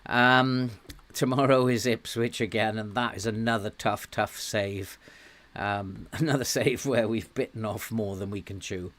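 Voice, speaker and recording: A man with a voice on the low side speaks unhurriedly with fairly even intonation as he live-streams a management game. Greeting viewers, he thinks aloud with frequent ums and gentle chuckles, his sore throat causing him to lose his voice.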